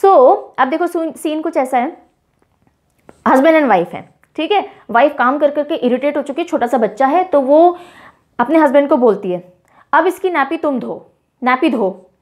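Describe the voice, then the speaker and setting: A young woman teaching with playful, animated little stories and mnemonic tricks, mixing Hindi and English. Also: high voice, moderate pace. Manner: playful, animated storytelling with mini scenes.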